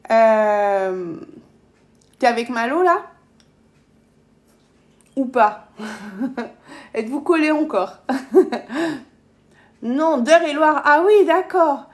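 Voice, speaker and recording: High-voiced woman with southern French accent. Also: lively intonation, extremely slow, pauses often. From south of France. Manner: chatty, greets viewers by name, laughs often. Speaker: cooking live-stream host. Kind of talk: casual live-stream chat. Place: home kitchen.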